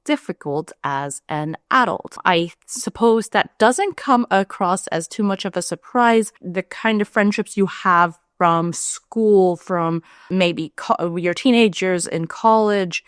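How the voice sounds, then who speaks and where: A woman's voice: slow pace, smooth, no room sound. Chatty young woman from India, dry sound. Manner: chatty and candid, lively rises in pitch. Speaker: vlogger. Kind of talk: casual talk to camera.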